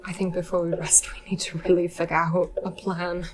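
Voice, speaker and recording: Flat, hesitant woman playing a tabletop game. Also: lowish voice, brisk, a crowd in the background. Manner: hesitant and polite, with frequent "um". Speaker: player. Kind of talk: in-character tabletop play.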